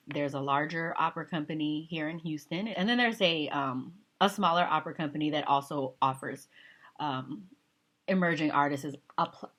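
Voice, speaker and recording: Woman in her 30s with a low speaking voice, vlogger, chatty and self-mocking, slips into whispered asides. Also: fairly bright tone. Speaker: vlogger and opera singer. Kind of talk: casual talk to camera.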